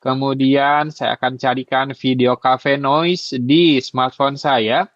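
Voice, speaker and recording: A man's voice: medium pitch, slow, dry recording. A man chats casually through the microphone of a wireless earbud while a fan hums nearby and cafe noise plays. The sound is dull and lo-fi, and the room sounds dry and close. He keeps checking in with the listener as he talks. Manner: relaxed, chatty, checking with the listener. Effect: voice recorded through a wireless earbud microphone with a fan and cafe noise running. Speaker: gadget reviewer. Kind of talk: casual product demo. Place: small room at a desk. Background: fan running.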